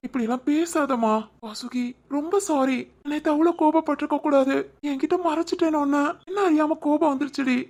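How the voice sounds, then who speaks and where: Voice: high voice, a little fast, hardly any pauses, a little mellow. Thiru, a remorseful young husband. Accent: Tirunelveli Tamil. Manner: apologetic, pleading. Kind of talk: animated family drama dialogue.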